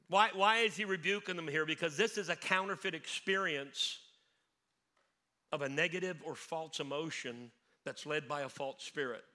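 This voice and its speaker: A middle-aged man delivers a lively sermon, slipping into little voices for scripture scenes. His voice sits high and rings sharp and forceful. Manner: animated, acts out Bible scenes in voices. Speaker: pastor.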